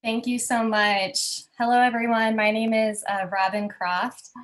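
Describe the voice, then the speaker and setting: A woman's voice: a little high, flat delivery, unhurried. Earnest woman clinician giving a tribute. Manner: earnest and praising. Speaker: speech-language pathologist. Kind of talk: ceremony tribute speech.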